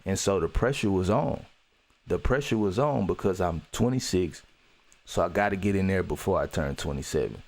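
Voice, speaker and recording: A man with a low voice talks through a personal story on his podcast, earnest and reflective. His speech is loose and conversational, full of "you know" and restarts. He comes back to key phrases to drive them home. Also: darkish tone. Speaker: podcast host.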